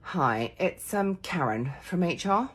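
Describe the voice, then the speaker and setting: Husky woman mimicking accents. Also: fairly low pitch, animated, slow pace. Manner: mimicking a string of accents on one line. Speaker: TikTok comedian. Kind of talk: comic accent sketch.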